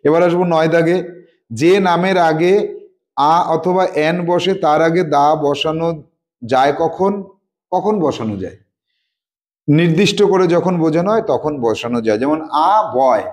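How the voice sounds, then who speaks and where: A man with a fairly high voice walks students through a grammar worksheet. He repeats key words and reads each English example slowly, step by step. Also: a little mellow.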